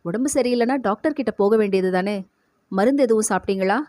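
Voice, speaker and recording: A woman voices a kindly middle-aged school head in an audio novel, warm in intent and quick with her questions. She speaks fast in a close, dry voice with no echo around it. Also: medium pitch, natural voice. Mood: concerned. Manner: caring, brisk questions.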